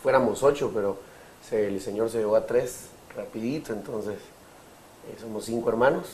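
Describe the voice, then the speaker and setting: A Guatemalan man in his thirties giving his testimony in an interview, speaking haltingly with many fillers and restarts. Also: fairly low pitch, darkish tone, a little hiss or hum, rough recording. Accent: Guatemalan Spanish. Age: 30s. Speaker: interview guest.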